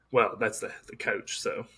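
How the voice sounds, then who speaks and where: A man's voice: lowish voice, sharp tone, husky. A young man, co-hosting a casual sports podcast in a laid-back, joking way. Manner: laid-back, jokey, drawls out names. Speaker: podcast co-host.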